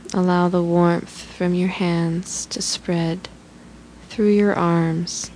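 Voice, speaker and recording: A woman leads a guided relaxation in a soothing, instructional manner. Her voice sits a little low and moves at a very unhurried pace. A faint hiss lies under the recording. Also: little pitch movement, a little mellow, rough recording.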